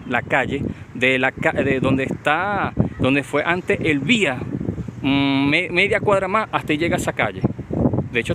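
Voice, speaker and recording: A man with a Venezuelan llanero accent, vlogging as he walks outdoors and talks to viewers through his phone mic, rambling with restarts, sweating in the heat. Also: a little high. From Portuguesa state, Venezuela. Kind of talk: walking vlog, casual chat. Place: outdoors on overgrown urban lots and streets. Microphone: phone mic, handheld. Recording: noisy outdoor phone recording.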